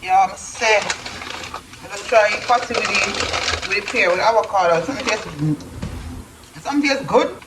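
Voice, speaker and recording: A vlogger in her 30s chats casually to camera at home in her apartment, chatty and animated, laughing often and talking to viewers directly. Her medium-pitched voice moves at normal speed with frequent pauses. The recording is very noisy.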